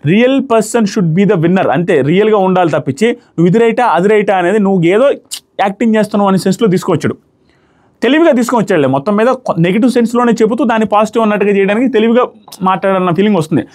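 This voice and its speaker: A man with a high voice talks quickly. He breaks down a reality show in casual commentary, mixing in English phrases as he argues his points. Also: animated, a little mellow. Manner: rapid, analytical, mixes in English phrases.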